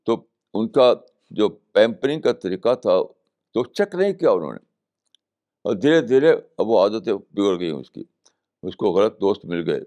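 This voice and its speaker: Older male scholar, lowish voice, measured spiritual talk, repeats himself for emphasis. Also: big pitch swings, dark tone. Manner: measured, repeats phrases for emphasis, mixes English terms. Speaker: Islamic scholar giving a talk. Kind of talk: spiritual lecture.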